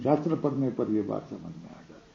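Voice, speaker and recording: A man giving a scripture lecture, explaining slowly, quoting verses and asking his listeners to confirm. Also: lowish voice, lively intonation, vocal fry, dull audio. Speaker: teacher of scripture.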